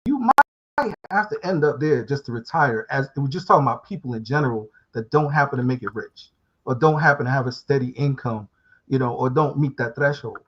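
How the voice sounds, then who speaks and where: A man's voice: medium pitch, a little fast, breathy edge. A man from Guyana calling in to a live talk show, rambling and reflective with casual street slang. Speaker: guest calling in. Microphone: remote call. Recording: muffled call audio.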